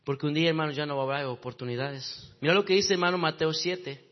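A man preaching a fervent sermon, exhorting his congregation and swinging between loud and hushed delivery. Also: a little high, fairly even intonation, fast talker. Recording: dull sound with long hall reverb.

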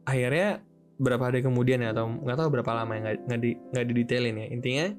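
A young man casually telling a religious story, chatty and slangy, jumping into quick voices for the characters. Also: medium pitch, fairly even intonation. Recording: music playing behind.

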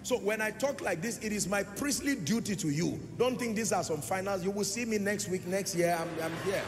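High, gravelly preacher in a reverberant hall. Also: male voice, a little fast. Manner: preaching with sing-song swells and sudden loud rises; asks the congregation questions. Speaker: pastor. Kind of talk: sermon. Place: large church hall. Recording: long hall reverb with music behind.

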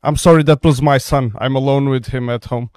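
A man's voice: medium pitch, fairly even intonation, brisk, a little mellow, clear, resonant tone, no echo. Hesitant interviewer man, dry sound. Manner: hesitant, many fillers, polite. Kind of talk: remote interview. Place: home.

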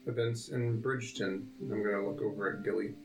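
A man's voice: on the low side, steady tone, brisk, gravelly, poor audio. A man playing a tabletop role-playing game, speaking casually in and out of character. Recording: plucked guitar music behind.

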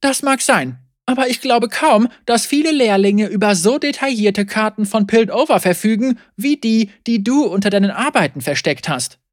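A stern, cool-headed sheriff woman, read aloud by a female narrator speaks in a calm, mocking, coldly threatening way. Her pitch swings freely as she speaks. It is a storybook reading recorded close and dry. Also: normal speed, few pauses, dry recording, natural voice.

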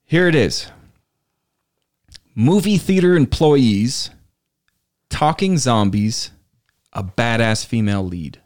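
A man's voice: mid-range voice, animated, slow pace, pauses often, darkish tone. A man hosting a podcast in casual chat, presenting trivia and games to his co-hosts. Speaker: podcast host.

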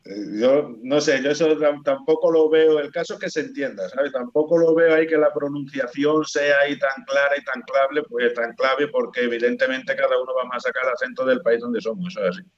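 A Spanish man talking through a muffled, lo-fi connection, his pitch sitting in a plain middle range. He chats casually as a guest, telling stories with lots of restarts and repeated words. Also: brisk, hardly any pauses. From El Bierzo, Spain. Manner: animated storytelling, frequent restarts. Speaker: guitarist of a rock band, guest. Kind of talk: casual interview chat.

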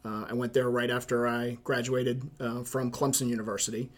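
A middle-aged man with a Southern accent from Charleston, a high school principal answering interview questions in a measured way, with many ums and uhs. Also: little pitch movement. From South Carolina, USA. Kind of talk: podcast interview.

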